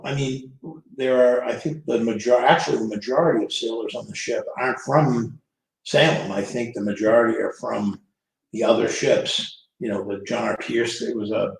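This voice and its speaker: A man's voice: lowish voice, steady tone, moderate pace, creaky, a little hiss or hum. A man explaining things informally like a guide, a little hesitant and often correcting himself. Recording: echoey room.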